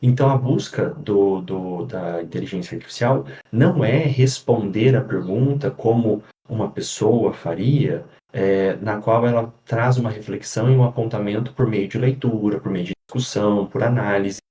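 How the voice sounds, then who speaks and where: Low, mellow-voiced man in an echoey room. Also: moderate pace, few pauses. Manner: explanatory, with frequent fillers and restarts. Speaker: psychologist guest. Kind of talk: casual podcast chat.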